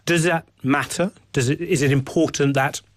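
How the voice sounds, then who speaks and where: A man hosting a radio interview, introducing his guest and asking calm, measured questions. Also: fairly high pitch, no room sound. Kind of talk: broadcast interview and narration. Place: radio studio. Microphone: studio microphone.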